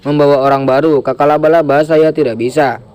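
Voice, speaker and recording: A man's voice: fairly high pitch, fairly even intonation, a little fast, a little mellow, dry recording, lightly acted. A man reading the lines of a frightened young woman, panicked and pleading.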